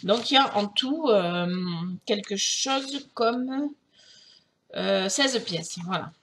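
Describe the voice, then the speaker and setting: A woman's voice: on the high side, expressive, slow pace, background noise. A middle-aged woman from France chatting casually through a craft haul, hesitant, with many fillers and restarts. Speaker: craft vlogger.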